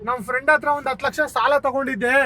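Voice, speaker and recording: A man's voice: extremely high pitch, little pitch movement, very fast, pushed and bright, slight background noise. A man playing a fake cab driver in a prank, begging and threatening in turn inside a car. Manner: pleading and mock-threatening, repeats please constantly. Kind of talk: staged prank comedy.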